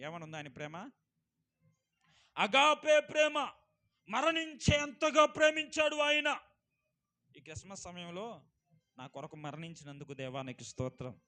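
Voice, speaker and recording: A male pastor preaching a sermon, swinging from loud exclamations to quiet asides and asking the congregation questions. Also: on the high side. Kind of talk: Telugu church sermon.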